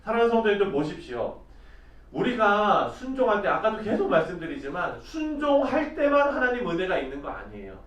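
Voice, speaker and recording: High-voiced preacher man in echoey church. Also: sing-song, fairly bright tone. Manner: conversational, asks the listeners questions; reads scripture slowly and deliberately. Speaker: pastor. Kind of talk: early-morning sermon with Bible reading. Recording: echoey room, voice distant from mic.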